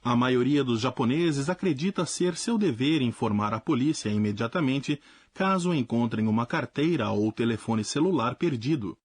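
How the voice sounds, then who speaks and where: A man teaching a language lesson in a clear, explanatory scripted narration. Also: mid-range voice, expressive, moderate pace, few pauses, no echo.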